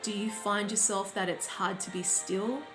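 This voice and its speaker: A woman life coach speaking reflectively to her audience, in a slow, deliberate and gently instructive way. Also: medium pitch, fairly even intonation. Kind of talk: reflective talk to camera. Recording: roomy sound with faint background music.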